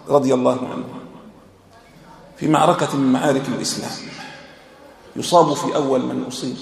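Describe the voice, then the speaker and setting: A man's voice: mid-range voice, gravelly, echoey room, a little hiss or hum. A man preaching a sermon, retelling stories with growing passion and rhetorical questions. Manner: impassioned, climbing to near-shouts on rhetorical questions. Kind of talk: Friday-style sermon storytelling.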